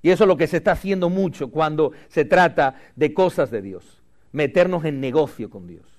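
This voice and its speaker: A male pastor preaching a sermon, leading the congregation in call-and-response and moving between loud emphatic lines and quiet asides. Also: on the high side, lively intonation, moderate pace.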